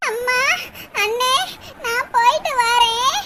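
Super squeaky weepy cartoon daughter, twang, loud noisy background. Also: female voice, steady tone, slow pace. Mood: whiny. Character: tearful clingy young married daughter.

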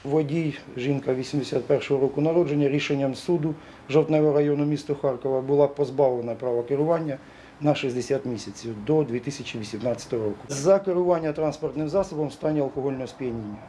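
A man's voice: mid-range voice, quick pace, warm tone. A man who is a senior traffic police inspector, giving a formal, bureaucratic statement in a police office.

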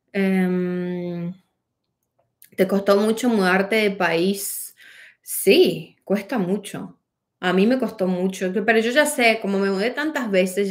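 A woman, a life coach answering viewer questions in a casual, reflective way, full of fillers and restarts. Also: on the low side.

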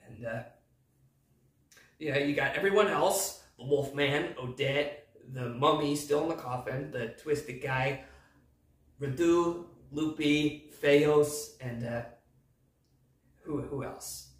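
A man's voice: fairly high pitch, slow, pauses often. A man hosting a casual movie recap who rambles and hesitates, full of fillers. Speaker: movie review host. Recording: echoey room, distant mic.

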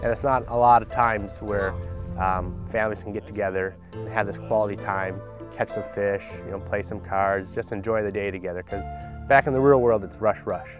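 A young Canadian man who runs a family lodge talks earnestly in a casual interview held outdoors by a cabin, with loud music playing underneath. His voice is lowish with fairly even intonation, he speaks a little fast, and he uses fillers and restarts.

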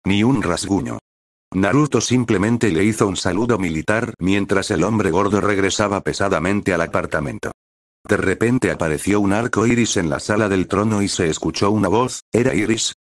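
Low-voiced man reading a fan story. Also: normal speed, no room sound, studio quality. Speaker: fan fiction reader.

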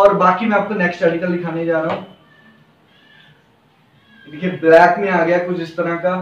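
Eager young man pitching T-shirts. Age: young adult. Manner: eager, repetitive salesman patter, addresses viewers as friends. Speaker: garment seller presenting stock. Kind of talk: product showcase sales pitch. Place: indoor clothing shop with hanging racks. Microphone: lapel mic. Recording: roomy, dull, slightly distant.

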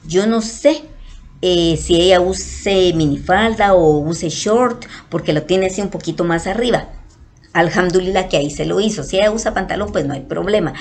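A Guatemalan woman tells a story to her followers in a slightly low voice. She is affectionate with her listeners and acts out the people she quotes with big leaps in pitch. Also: moderate pace, a little mellow. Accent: Guatemalan Spanish. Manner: affectionate, calls listeners "mis amores". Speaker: vlogger.

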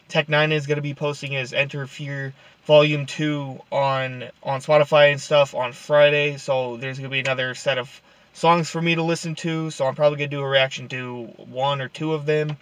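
A man's voice: mid-range voice, fairly bright tone, no echo. A man hosting a reaction video, chatting casually and swearing offhandedly. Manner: laid-back, swears casually. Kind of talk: casual chat.

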